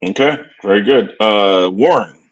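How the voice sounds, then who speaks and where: A man's voice: fairly low pitch, a little slow, highs cut off. A man casually hosting an online round table, steering the chat between guests.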